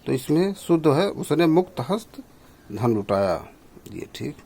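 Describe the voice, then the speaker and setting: A man's voice: on the high side, big pitch swings, unhurried, gravelly, dark tone, a little hiss or hum. A male teacher going through exam questions on correct usage, explaining each answer step by step. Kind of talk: exam prep lesson.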